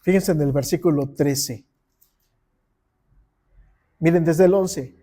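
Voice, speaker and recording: A man's voice: fairly high pitch, slow pace, warm tone. A man preaching a sermon in a conversational way, speaking directly to his congregation.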